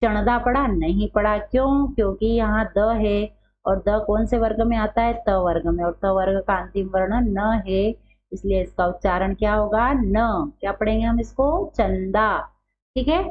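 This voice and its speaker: A woman teaching a grammar lesson, who poses questions to the class and answers them herself, repeating key terms. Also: medium pitch. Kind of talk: Hindi grammar lesson, explaining at a board. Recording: dull lo-fi recording with faint hum.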